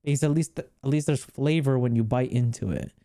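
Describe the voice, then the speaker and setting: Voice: medium pitch, fairly quick, mellow. A streamer in casual livestream chat, rambling, laughing often and swearing freely while talking to viewers. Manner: chats with viewers while reacting on screen.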